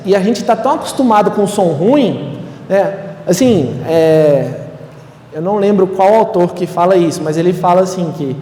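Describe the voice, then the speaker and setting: A man's voice: sits high, mellow. Young brazilian guy giving a chatty talk, keeps saying né, roomy echoey sound. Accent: Brazilian Portuguese. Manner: conversational, frequent "né?" tags. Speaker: seminarian lecturer. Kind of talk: lecture to a live audience. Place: lecture hall. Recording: echoey hall, distant mic, faint room noise.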